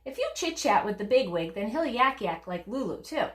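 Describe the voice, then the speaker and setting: Brisk sensible school nurse for a storybook, a woman reading her, rapid rhyming patter, roomy echo. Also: a little high, sing-song. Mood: urgent.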